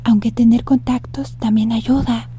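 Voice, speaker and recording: A woman giving smooth, informative scripted documentary narration. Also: on the high side, fairly even intonation, a little slow, dark tone, slight background noise.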